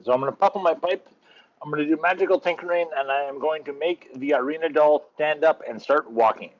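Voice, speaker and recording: A man's voice: on the high side, brisk. A man playing a tabletop game, thinking aloud and checking the rules mid-sentence. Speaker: player. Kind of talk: casual tabletop game chat. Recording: slightly dull lo-fi sound.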